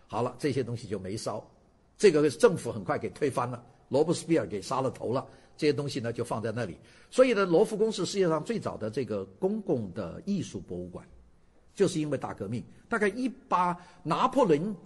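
A man's voice: medium pitch, a little mellow, slightly rough. An older man lecturing to students in a casual storytelling way, often putting questions to the audience.

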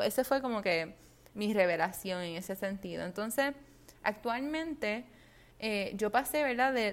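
A young Puerto Rican woman hosts her own podcast, talking alone in a loose, conversational flow. She is expressive and quick to laugh, and she fills her sentences with casual fillers. Her voice sits at an ordinary middle pitch. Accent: Puerto Rican Spanish. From Puerto Rico. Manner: chatty, expressive, laughs often, many fillers. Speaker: podcast host and wellness coach. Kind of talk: casual solo podcast talk.

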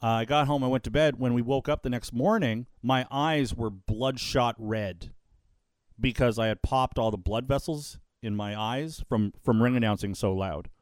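Chatting casually on a podcast, this man, who announces wrestling matches, gets loud and animated as he tells stories, repeating words in his excitement. His pitch is medium, his pace moderate, and there's no room sound.

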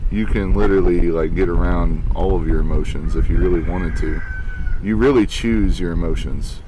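A man's voice: sits low, normal speed. A man talking as a podcast guest in a casual outdoor chat, earnest and reflective, with lots of filler words. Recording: outdoor recording with faint background noise.

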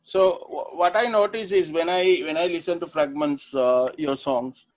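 A man's voice: a little high, moderate pace. A man hosting a podcast, asking questions in casual chat and often restarting his sentences. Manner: restarts questions, frequent listening sounds. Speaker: podcast host.

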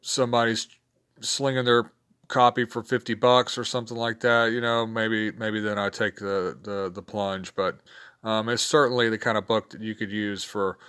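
A man hosting a casual solo podcast, sounding weary and worn down, talking in an informal, halting, rambling way. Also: on the low side, level tone, bright, forceful tone, smooth. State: weary, worn down from a sore back. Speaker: podcast host.

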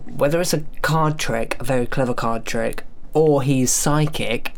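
A man's voice: mid-range voice, measured pace, gravelly. A man with a mid-range voice talks in long, thoughtful, rambling sentences. He keeps restarting as he explains what he likes about magic. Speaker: podcast co-host, magician. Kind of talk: casual chat about magic.

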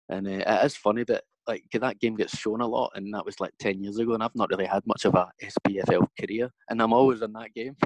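A man's voice: fairly low pitch, dry recording, low-quality recording. A man in his thirties with a broad Scottish accent, chatting casually as a former footballer being interviewed about his career. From Scotland.

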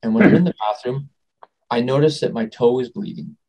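Guy telling his story as a guest, mid-pitched voice, rambly and animated, keeps restarting. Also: a little fast, creaky, poor audio. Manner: animated, acts out quoted dialogue; rambling with restarts and trailing phrases. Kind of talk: casual storytelling in an interview.

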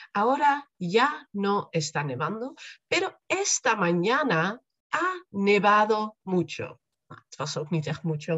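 A woman teaching Spanish in a podcast lesson, explaining slowly and repeating each phrase. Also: lowish voice, a bit bright, lo-fi sound.

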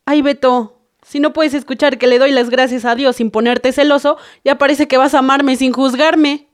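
A woman's voice: sits high, fairly even intonation, moderate pace, lightly acted. A woman in her thirties playing a shy woman at her surprise thirtieth birthday party, bashful and sweet but firm when pushed. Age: 30s.

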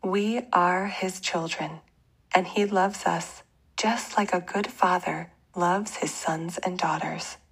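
Soft breathy woman, very slow bedtime prayer. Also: on the low side, steady tone, rough recording. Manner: slow, gentle, measured. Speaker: guided bedtime prayer leader. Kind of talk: guided bedtime prayer and scripture meditation.

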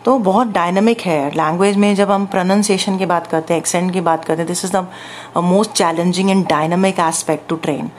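A woman with an Indian accent, an English language trainer answering interview questions in a measured, explanatory way. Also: fairly low pitch, steady tone, a little hiss or hum.

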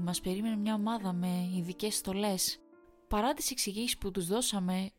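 A woman reading a first-person horror story aloud in a measured, suspenseful storytelling manner. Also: medium pitch. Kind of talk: scripted horror story narration.

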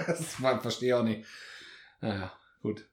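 A man's voice: medium pitch, wildly swooping pitch, measured pace, a bit bright. A man hosting a podcast in a casual chat, joking, teasing and rambling. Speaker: podcast host.

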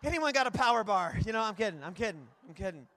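A man preaching a lively church sermon, rambling and energetic, calling out to the congregation. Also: high voice, fast talker. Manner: energetic, rambling, calls out to the crowd. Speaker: guest preacher. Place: church hall. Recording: long hall reverb.

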